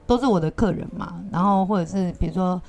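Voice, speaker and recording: A woman's voice: lowish voice, fast, a little mellow. A woman in her thirties with a Taiwanese Mandarin accent, a guest chatting casually, talking freely and laughing easily. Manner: chatty, laughs often, acts out quoted people. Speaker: guest, bar owner. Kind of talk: casual storytelling chat.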